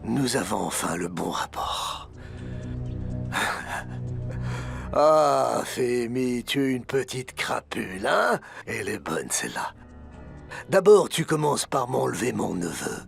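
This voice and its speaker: An actor playing a scheming, menacing man in a dubbed TV drama, with a gravelly, threatening voice. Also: medium pitch, very animated, slow pace, pauses often, music in the background, heavily acted. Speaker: scheming uncle. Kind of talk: French TV drama dub.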